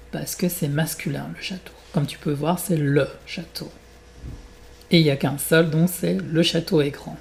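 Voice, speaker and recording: He's a French-accented instructor who reads a fairy tale aloud and then patiently, deliberately walks learners through exercises. The voice runs on the high side, with vocal fry and a darkish tone.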